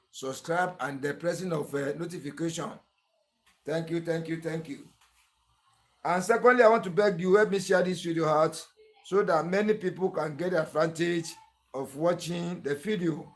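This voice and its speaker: Nigerian-accented male host, slightly high voice, earnest, repetitive tutorial delivery. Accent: Nigerian English. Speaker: clipper-blade sharpening tutor and channel host. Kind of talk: tutorial narration.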